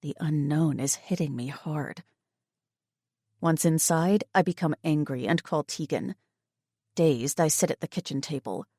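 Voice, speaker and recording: A woman narrating a romance audiobook in the first person, with steady, measured storytelling. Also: low voice, dry recording, clean studio sound.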